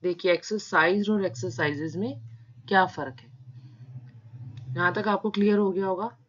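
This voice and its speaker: Woman, shorthand tutor, unhurried, spells out each sound, mid pitch, muffled lo-fi audio. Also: fairly even intonation, a little hiss or hum. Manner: slow, patient, spelling out sounds. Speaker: shorthand teacher. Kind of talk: step-by-step tutorial explanation. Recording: dull lo-fi sound.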